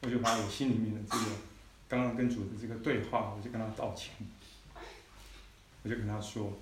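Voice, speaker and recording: Speaking quickly in a steady tone on the low side, this man shares his testimony as a sermon. His storytelling is conversational and peppered with "you know" asides directed at the listeners. The distant mic picks up hall echo and faint noise.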